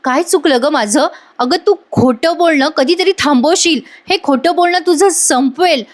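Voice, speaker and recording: A woman voicing a weeping betrayed young husband, high pleading voice, drawn-out words. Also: lightly acted. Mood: anguished. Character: heartbroken young husband, tearful and accusing.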